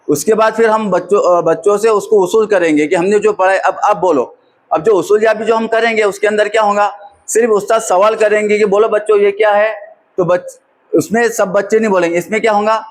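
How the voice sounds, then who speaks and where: A high-voiced man drilling a class. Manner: patient question-and-answer drilling. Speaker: teacher trainer. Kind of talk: classroom teaching demonstration.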